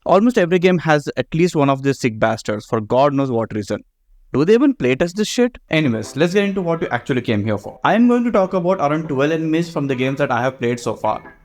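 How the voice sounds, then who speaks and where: A man's voice: a little high, very animated, fast talker. A man narrating a scripted video game commentary in a sarcastic, profane way.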